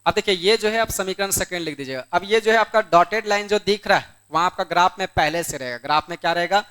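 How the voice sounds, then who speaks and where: A male math teacher gives a board exam lesson, coaxingly asking questions and answering them himself while scolding students in the room. His voice sits high and is bright, forceful, and smooth, and he talks fast.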